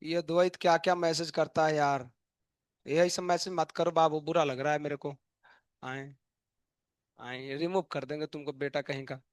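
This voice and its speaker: A man's voice: fairly high pitch, steady tone, normal speed, no room sound, clean studio sound. A male chemistry teacher, giving a live online lecture in a playful, joking way and asking students questions that he answers himself.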